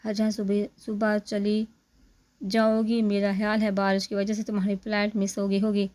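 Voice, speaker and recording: A woman's voice: mid-range voice, completely flat delivery, normal speed, a little mellow, lightly acted. A woman voicing a talkative young man who keeps teasing his friends, in a chatty, joking manner.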